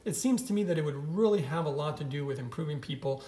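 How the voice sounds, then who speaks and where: An eager man narrates from off camera, walking viewers through pictures on a screen in a slightly high voice. His explanations come with a keen, selling energy. The room around him is bare and echoey. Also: lively intonation, fast, warm tone. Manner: enthusiastic, explanatory, calls viewers guys. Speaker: vlogger.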